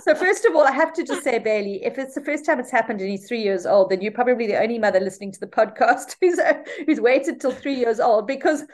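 A middle-aged woman, a mother of three, co-hosting a casual podcast in an animated, reflective way that often repeats words. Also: on the high side, fast, hardly any pauses. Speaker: podcast co-host.

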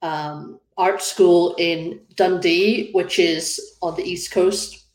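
A Scottish woman in her thirties with a fairly low voice, talking easily as a podcast guest. She fills her sentences with ums and laughs along the way. The sound is roomy, with a clear echo around her. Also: steady tone, slow pace, darkish tone. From Scotland. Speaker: guest graphic designer. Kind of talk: casual interview chat.

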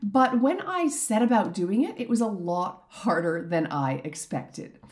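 Middle-aged woman coach, solo podcast host, slightly croaky from a throat infection, earnest and openly emotional. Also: mid-range voice, expressive, unhurried. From Canada. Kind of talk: reflective solo podcast monologue.

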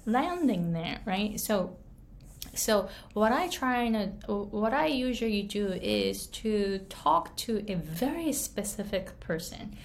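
Slow-talking woman. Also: medium pitch, a little hiss or hum. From Japan. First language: Japanese. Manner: earnest, repeats and restates phrases, light laughs. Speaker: English pronunciation coach. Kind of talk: casual talk to camera.

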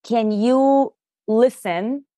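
A leadership coach whose first language is Russian talks as a podcast guest, explaining things earnestly and casually, often saying "you know" and "like." Her voice is warm and a little high, and she speaks very slowly. The studio sound is clean with no echo.

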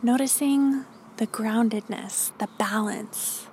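A woman podcast host leading a calm grounding meditation, giving gentle, encouraging instructions. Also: a little high, slow, slight background noise.

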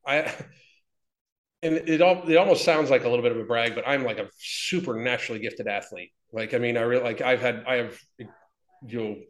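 A man's voice: medium pitch, fairly quick. A man in his fifties, talking bluntly and with lots of swearing, rambling with restarts as an interview guest. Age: 50s. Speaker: interview guest, fitness business owner. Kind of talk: casual interview talk. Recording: echoey room.

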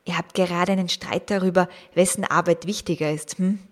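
A woman voicing a calm, gentle father who soothes his two quarreling children. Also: fairly low pitch, fairly quick, close to an everyday voice. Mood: soothing. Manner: soothing, sometimes hushed.

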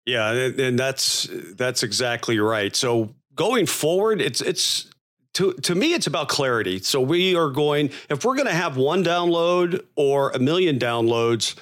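A man's voice: medium pitch, big pitch swings, unhurried, a bit bright. A man co-hosting a podcast in casual conversation, wordy and thinking aloud as he goes. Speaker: podcast co-host.

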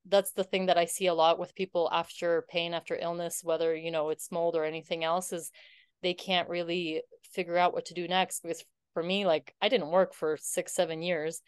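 A woman's voice: on the low side, flat delivery, normal speed, clean tone, no echo. A woman guest in her thirties telling her story in a casual interview, earnest and heartfelt, with many fillers. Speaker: podcast guest.

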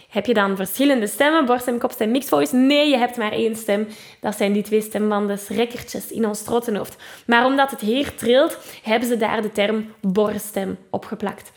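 A woman with a Flemish accent, a singing teacher who explains vocal technique patiently and often adds "hè", breaking into short sung demonstrations. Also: fairly high pitch. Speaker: singing teacher and podcast host.

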